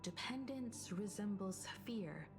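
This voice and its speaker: Earnest, resolute young daughter. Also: female voice, medium pitch, expressive, takes it slowly, over music. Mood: contemplative. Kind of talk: dramatic video game voice acting.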